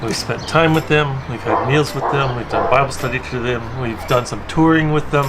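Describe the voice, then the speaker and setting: A man from Newfoundland, Canada, a volunteer guest in an interview, speaking in a measured way and listing things plainly. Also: mid-range voice, heavy background noise. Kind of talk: casual interview chat. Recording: very loud background music.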